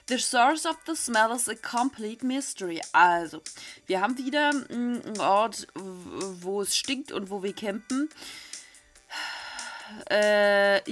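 Speaking close to a desk mic in a small home studio, a middle-aged German gaming host reads out game text and riffs on it frankly and crudely. Her pitch is fairly high and a bit bright, and game music plays in the background.

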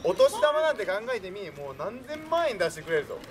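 A man's voice: high-pitched, very animated, brisk, a crowd in the background. A young man playing a boastful, worldly-wise old samurai lord, giving jovial, emphatic life advice to visitors in archaic speech. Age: young adult. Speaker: costumed historical performer. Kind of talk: in-character talk show for castle visitors. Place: outdoor castle grounds beside a stone wall. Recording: noisy outdoor recording from a distant camera.

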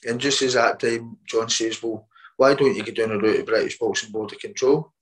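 A man, a boxer, telling his story in a casual interview, halting and repeating words as he quotes what others said. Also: mid-range voice, steady tone, low-quality recording.

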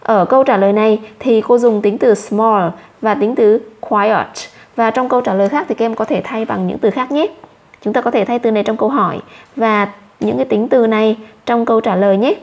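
A woman with a Vietnamese accent teaching English to children, saying each English word slowly twice and explaining it in Vietnamese. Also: a little high, a little mellow. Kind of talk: slow classroom explanation for children.

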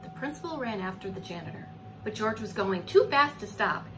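In a clearly noisy home recording, a woman in her forties reads a children's story with lively intonation, a medium pitch, and a fairly quick pace. Like a preschool teacher, she's highly expressive, lingering on words and asking her small audience gentle, coaxing questions.

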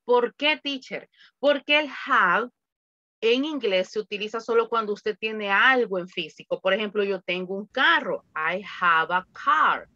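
A woman's voice: mid-range voice, animated, a little slow, bright, forceful tone, no room sound, muffled recording. A woman from El Salvador, teaching an online English class in a chatty way with lots of examples.

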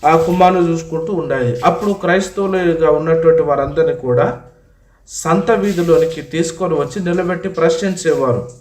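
A man preaching as a pastor, telling a martyr story in a sermon, calling the listeners God's children and pausing often on long fillers. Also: on the high side, a little mellow. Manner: retells a martyr story with frequent drawn-out fillers. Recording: echoey room, voice from a distant mic.

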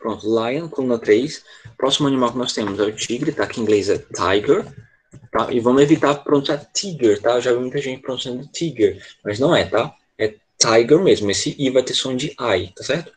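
A man's voice: medium pitch, a little fast, husky. A man teaching an online English lesson to children, patient and constantly checking in with short questions. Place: online class over a video call.

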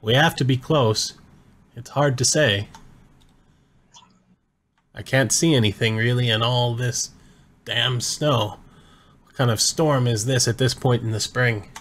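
A man voicing a weary, half-frozen mountain guide who shouts to be heard over the wind. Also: medium pitch, unhurried, long pauses, voice pushed up. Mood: strained shouting.

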